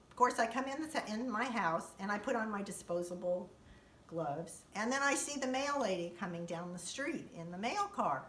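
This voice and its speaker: A woman telling a comic monologue about her daily life, acting out quoted lines in a sudden high, loud voice. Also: distant mic, a little hiss or hum. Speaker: comedian. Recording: echoey room.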